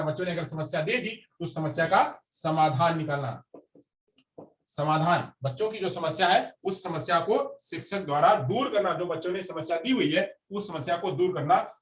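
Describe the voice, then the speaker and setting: A man teaching a class, repeating each term and asking and answering his own questions. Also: on the high side. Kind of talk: classroom lecture. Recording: echoey room, mic at a distance.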